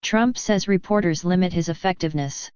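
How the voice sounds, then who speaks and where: A woman reading scripted news narration in an even, measured way. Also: fairly low pitch, clear, resonant tone, no echo, lo-fi sound.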